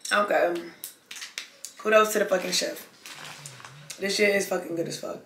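This young vlogger's voice is mid-range and fairly bright, with fairly even intonation and a moderate pace. Eating and talking casually to camera in a mukbang, she's loose, slangy and swears freely, chewing between lines in an echoey room with faint background noise.

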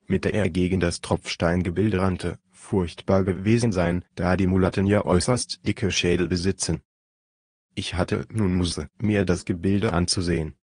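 Low-voiced male narrator, steady first-person storytelling, dry close sound. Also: slightly rough, dry recording. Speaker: audiobook narrator.

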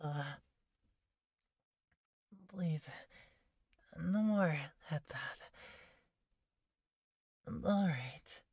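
A woman voicing a shy, flustered catgirl maid in a soft-spoken ASMR role-play, timid, hushed and halting, close to the microphone. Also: low-pitched, lively intonation, slightly rough, dry recording, exaggerated voice. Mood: flustered, needy. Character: shy, flustered catgirl maid waitress craving head pats. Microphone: close, dry microphone.

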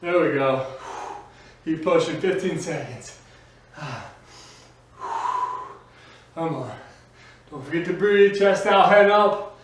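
Echoey, high-pitched male aerobics instructor. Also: takes it slowly, long pauses. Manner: motivational, urging, calling out short cues during exercise. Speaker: fitness instructor. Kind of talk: aerobics instructor coaching a workout. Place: small home gym with bare walls, indoors. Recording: echoey room, distant mic, faint noise.

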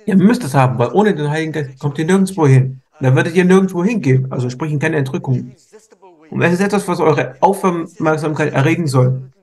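A man with a notably high-pitched voice relays a sermon as it is preached, in a fervent and insistent way. He repeats key phrases and often breaks off words to restart them. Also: a little mellow. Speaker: sermon interpreter. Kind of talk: live interpreted sermon.

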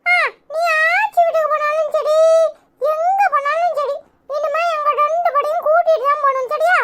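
A woman doing clingy little village boys, very high. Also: normal speed, heavy background noise. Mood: clingy pleading. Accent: Kanyakumari Tamil. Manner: whiny, clingy, high childlike voice. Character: two small boys pleading with their mother. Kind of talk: village comedy serial acting.

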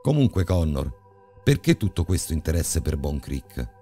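A man voicing a stern, worried middle-aged father in a horror audiobook, speaking gravely. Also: extremely low pitch, sing-song, moderate pace, dark tone, soft background music, exaggerated voice. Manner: grave, frowning questions.

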